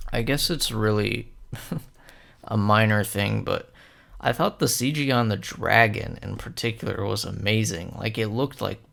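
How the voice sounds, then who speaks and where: A man's voice: lowish voice, gravelly, fairly bright tone. A young man talking casually through a film analysis, rambling with many fillers and hesitations. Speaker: film commentator.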